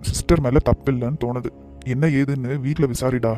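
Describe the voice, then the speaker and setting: A man voicing a calm young friend in a cartoon, gently talking a buddy out of his anger. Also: mid-range voice, a little fast, faint music behind, natural voice. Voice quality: soothing, persuasive.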